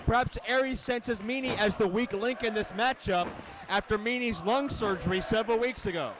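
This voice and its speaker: High-pitched male wrestling commentator, noisy arena. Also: moderate pace. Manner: emphatic calls in short clipped phrases. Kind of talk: live wrestling match commentary.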